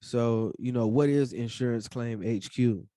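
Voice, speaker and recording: Relaxed male interviewer, mellow dark tone, dry close sound. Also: medium pitch, a little slow, no room sound. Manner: laid-back, filler-heavy, says "for sure" and "man". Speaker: podcast host. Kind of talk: casual interview questions.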